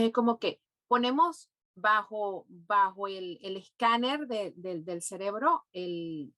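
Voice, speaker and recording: A woman from Venezuela with a Venezuelan Spanish accent, a podcast guest explaining neurofinance in a thoughtful way with pauses and fillers. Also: mid-range voice, fairly bright tone, no room sound. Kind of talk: podcast interview.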